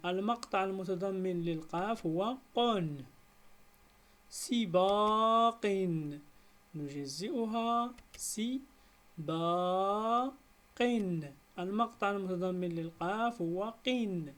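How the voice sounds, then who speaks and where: Slow and deliberate, a Moroccan-accented woman who teaches primary school reads aloud from a beginners' Arabic lesson. Her pitch sits in the middle, and she pulls words apart into long, drawn-out syllables.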